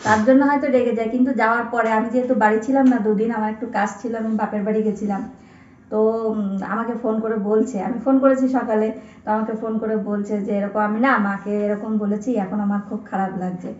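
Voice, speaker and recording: Middle-aged woman on a home vlog, gentle and measured, kinda high voice, muffled. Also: steady tone. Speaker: vlogger's wife. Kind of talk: casual vlog talk to viewers. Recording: echoey, muffled home recording.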